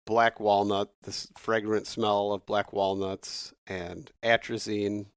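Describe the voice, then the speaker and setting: Gravelly-voiced man co-hosting. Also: lowish voice, flat delivery, slow, no room sound, clean studio sound. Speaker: podcast co-host. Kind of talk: casual chat.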